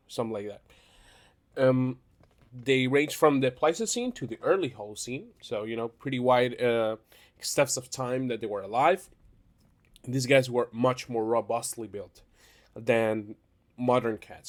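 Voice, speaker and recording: A young man hosting his own tier-list channel while sick, his voice stuffed up and nasal. He rambles in a casual, unscripted way, restarting phrases and circling back as he goes. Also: medium pitch. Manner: rambling, self-correcting, laughs between phrases. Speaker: YouTube channel host.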